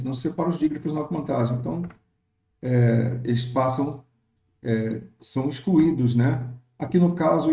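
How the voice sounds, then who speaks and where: Male teacher, very dark mellow tone, patient and halting delivery, roomy echo. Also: mid-range voice. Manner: explanatory, frequent pauses and fillers, reads verse examples slowly. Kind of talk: recorded lecture on poetic meter.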